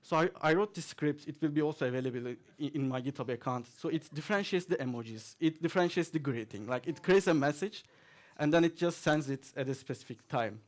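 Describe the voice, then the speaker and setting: Before an audience in a conference hall, a man gives a chatty conference talk, peppered with fillers and the occasional chuckle. His voice is fairly high, and he speaks fairly quickly with hardly any pauses.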